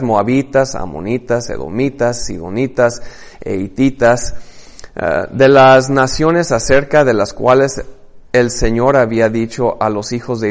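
Pastor: animated sermon delivery, scripture reading, acted-out dialogue. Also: male voice, mid-range voice. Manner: animated, acts out biblical dialogues, reads scripture aloud.

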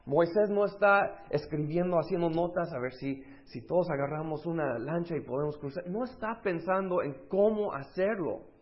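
A man preaching a sermon, acting out the voices of the people in his story and moving between loud and hushed delivery. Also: a little high, moderate pace, hardly any pauses, lo-fi sound.

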